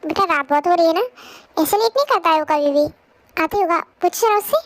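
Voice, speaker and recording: A caring middle-aged mother-in-law who keeps fussing and worrying, played by a woman. The voice is very high, with a dry, close sound. It comes from a fan audio drama dub. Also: a little fast, no echo. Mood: worried. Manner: fussing and anxious.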